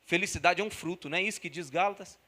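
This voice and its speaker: A man preaching a sermon as pastor, animated, repeating phrases for emphasis and acting out everyday scenes. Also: high voice, rapid-fire. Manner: animated, acts out everyday scenes in quoted voices.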